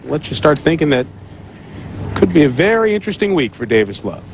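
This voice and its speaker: A man's voice: a little high, very animated, brisk, creaky, noisy background. A man anchoring televised golf commentary, reading out scores and standings. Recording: music behind broadcast commentary.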